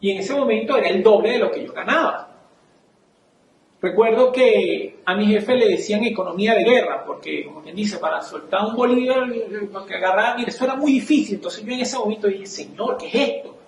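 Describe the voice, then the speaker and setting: A man's voice: sits high, brisk, creaky, echoey room, a little hiss or hum, low-quality recording. A man with a Venezuelan accent giving a sermon testimony, telling a story and acting out the dialogue with animation. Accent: Venezuelan Spanish. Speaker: church speaker. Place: church.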